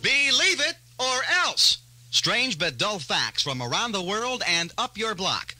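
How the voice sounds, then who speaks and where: This morning DJ, heard on a 1978 AM aircheck of a 1970s country radio show, trades in jokes, forecasts, and playful deadpan bits. He has a high voice and talks a little slowly, with no echo and soft music in the background.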